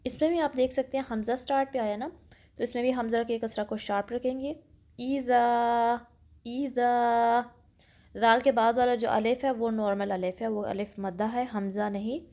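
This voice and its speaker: A woman's voice: a little high, steady tone, dark tone. A woman teaching an online Quran pronunciation lesson, explaining step by step and slipping English phrases into Urdu. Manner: slowly draws out example words for practice; careful, apologetic about her Urdu reading.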